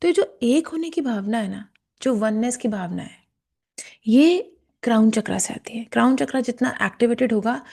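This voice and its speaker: Slow, calm Hindi meditation teacher, gravelly. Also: female voice, a little high. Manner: slow, calm instruction with softly chanted verses. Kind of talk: guided chakra meditation lesson with chanting. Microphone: camera and mic.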